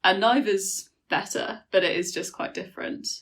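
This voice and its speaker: A woman from England, a podcast guest, speaking in a reflective, even way. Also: medium pitch, normal speed. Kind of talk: casual chat.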